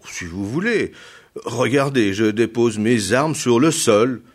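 A man's voice: medium pitch, animated, takes it slowly, husky. A man doing a serene fearless young hero.

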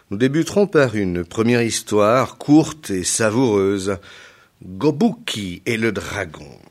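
A man narrating a folktale for a story program, with a husky grain to his voice. He reads slowly and lets his pitch rise and fall widely. The delivery is measured and expressive. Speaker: storyteller host. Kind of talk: read-aloud storytelling.

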